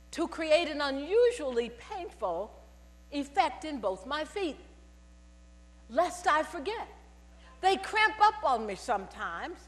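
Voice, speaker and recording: With a high voice, an older woman in a purple robe gives a testimony sermon at the pulpit, telling stories and calling out to the congregation in animated call-and-response. The large church sanctuary adds long reverb, and her headset mic also catches a mains hum.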